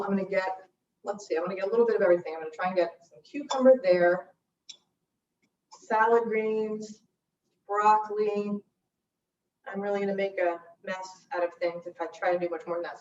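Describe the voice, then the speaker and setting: A woman with a mid-range voice hosts a relaxed, chatty cooking lesson in a church room, tasting each dish and describing its flavors and textures aloud. She sits a bit back from the mic in an echoing space, and the livestream audio sounds roomy, slightly dull, with a little hiss or hum.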